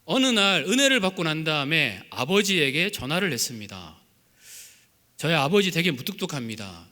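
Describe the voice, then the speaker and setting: Male pastor, Gyeongsang accent, lively pitch, bright voice, long church reverb. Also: moderate pace. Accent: Gyeongsang Korean. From Gyeongsang region, Korea. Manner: earnest, with lively acted quotes and humor. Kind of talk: sermon. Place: church sanctuary.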